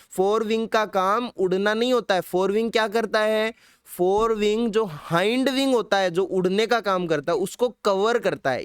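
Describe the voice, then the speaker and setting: A young male biology tutor with a Hindi accent, his voice pitched high and ringing clean and resonant. He drills his students by asking the same question again and again, and now and then slips a playful sung line into the lesson. The sound is dry and close, with no room echo. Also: clean tone. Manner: quizzes students with repeated questions; drops in playful sung lines. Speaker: biology teacher. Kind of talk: online exam-prep lecture.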